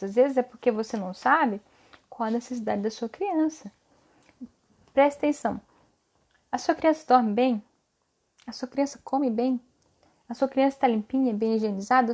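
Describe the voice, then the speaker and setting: A high-pitched woman hosts a casual live stream for mothers. She talks in an earnest, coaching way. She keeps tagging her sentences with a quick "tá?" to check that her listeners are following. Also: darkish tone. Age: adult mother. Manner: ends phrases with a questioning "tá?".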